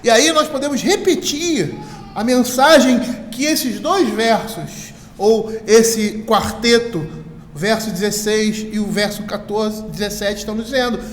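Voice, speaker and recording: High-voiced Brazilian pastor in a reverberant church. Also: male voice, unhurried. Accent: Brazilian Portuguese. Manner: conversational teaching, frequent tag questions. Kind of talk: expository sermon. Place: church sanctuary. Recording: echoey hall with long reverb, faint hiss.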